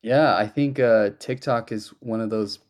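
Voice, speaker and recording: A man's voice: fairly low pitch, unhurried, a little mellow. A man hosting a casual online Q&A, chatty and loose, with many fillers and restarts. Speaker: project host. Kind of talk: casual audio-room Q&A.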